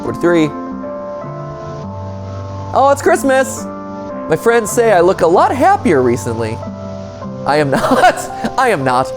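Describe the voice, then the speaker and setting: A reaction video host delivers casual commentary, reading on-screen text aloud and throwing in sarcastic jokes and exclamations. His high-pitched voice swings hugely in pitch, moving slowly with long pauses. Music plays behind him.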